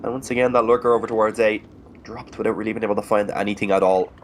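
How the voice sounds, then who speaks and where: A man's voice: lowish voice, steady tone, very fast, slight background noise. A man working as an esports caster, giving live play-by-play commentary in long, running present-tense sentences.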